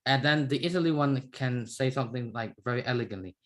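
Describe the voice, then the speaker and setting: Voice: mid-range voice, fast, a bit bright. A student in an online English class, rambling with many restarts and "like"s. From Myanmar.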